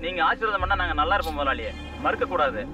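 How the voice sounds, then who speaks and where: A man's voice: on the high side, lively intonation, very fast, bright, forceful tone, recorded from a distance. A man playing a respectful branch manager calling his boss, heard on a dull lo-fi line with music. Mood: deferential. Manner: deferential. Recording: dull lo-fi phone call, music.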